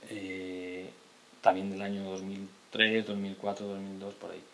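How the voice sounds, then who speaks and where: A man's voice: deep voice, completely flat delivery, measured pace, a bit bright. A man, lecturing from a table in a lecture hall, hesitant, with restarts and tag questions. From Spain. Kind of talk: lecture to an audience. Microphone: table mic on a stand.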